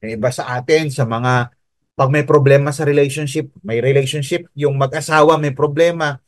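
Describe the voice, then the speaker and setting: A man with a Filipino accent preaching a sermon, mixing Tagalog and English, reading scripture slowly and asking online listeners to type answers in the chat. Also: on the high side, fairly even intonation, no echo. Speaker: pastor.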